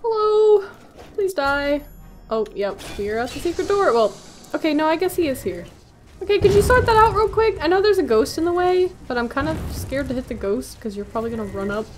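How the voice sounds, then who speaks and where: A woman's voice: high voice, sing-song, fairly quick, noisy background. A woman in her twenties giving casual, sarcastic commentary as she plays a game. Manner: wry, sarcastic. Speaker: let's play host.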